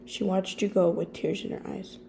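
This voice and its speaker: A young woman reading a fan story aloud, soft-spoken and prone to rambling when she speaks off script. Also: fairly low pitch, steady tone, moderate pace, gravelly, slight background noise. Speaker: story reader. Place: friend's office.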